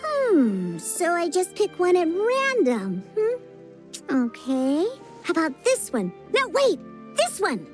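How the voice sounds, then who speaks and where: A grumpy little girl for a video game. The voice is very high and swings animatedly, pouty and suspicious, with music faintly behind it. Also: slow pace, exaggerated voice. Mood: hesitant, wary. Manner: pouty, complaining, expressive. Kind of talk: video game character dialogue.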